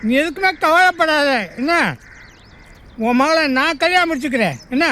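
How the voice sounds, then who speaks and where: A man's voice: very high voice, moderate pace, bright, forceful tone. An actor playing a cheeky young village man in a film drama, teasing and cheerful.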